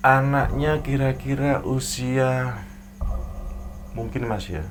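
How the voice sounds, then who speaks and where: A man, a guest in an interview telling a story in a rambling, animated way and acting out the people in it. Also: mid-range voice, slow, background noise. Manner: rambling, animated retelling with acted quotes. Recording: clear background music.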